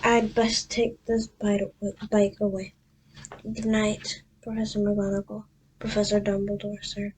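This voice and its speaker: A woman voicing a huge, soft-hearted male half-giant in a storybook reading, stammering and halting. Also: mid-range voice, level tone, a little hiss or hum, close to an everyday voice. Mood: tearful.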